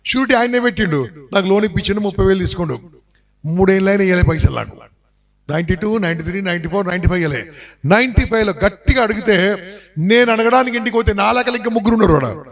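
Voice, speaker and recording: Animated high-voiced man. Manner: animated storyteller, prods the audience with questions. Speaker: motivational speaker. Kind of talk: motivational speech to a live audience.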